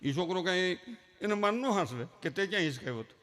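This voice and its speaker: A male comedian, telling animated stories on a live stage and using lots of rhythmic repetition. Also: high voice, fast talker. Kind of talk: live folk storytelling comedy. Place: live stage show before an audience.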